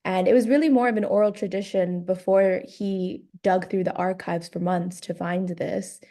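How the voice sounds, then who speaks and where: A woman guest tells her story in a relaxed, easygoing way and laughs easily. Her voice is mellow and dark in tone. It has a gravelly fry at the ends of her phrases. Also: on the low side, normal speed. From raised in Miami, born in Guatemala. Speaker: guest, author and graphic designer. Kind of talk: casual interview. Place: London.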